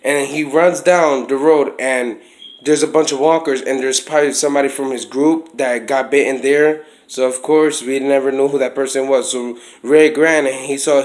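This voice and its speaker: A man's voice: mid-range voice, rough recording. A man talking casually to his viewers in a video, rambling in a loose, conversational way and often restarting his sentences. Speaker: vlogger. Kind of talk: casual vlog talk to camera.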